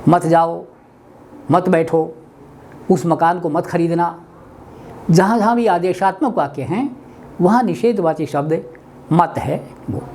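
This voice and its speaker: An older man from India giving a weekly webinar lesson on language, speaking deliberately and spelling out words. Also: high voice, darkish tone, a little hiss or hum. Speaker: Hindi language teacher. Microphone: webinar computer mic.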